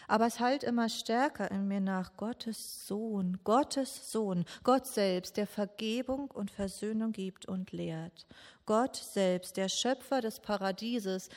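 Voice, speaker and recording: A woman preaches a meditative sermon, her speech unhurried and heavy with grief. She asks question after question and leaves long pauses. Her mid-pitched voice carries a long reverb, as if it were recorded in a large church. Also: a little mellow. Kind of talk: slow meditative Good Friday sermon.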